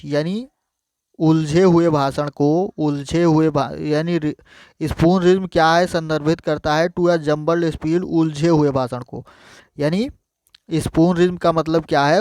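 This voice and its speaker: Male teacher, fairly high, crisp tone, dry close mic, repetitive explainer for exam prep. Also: a little mellow, dry recording. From India. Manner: explains each point by repeating it in Hindi, addresses viewers as friends.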